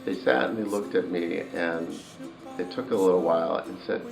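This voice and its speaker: A man with a very low, gravelly voice speaks in an interview. He is a parent of two adopted children and talks reflectively, pausing between thoughts. Soft guitar music plays behind him. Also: poor audio. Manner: reflective, with pauses.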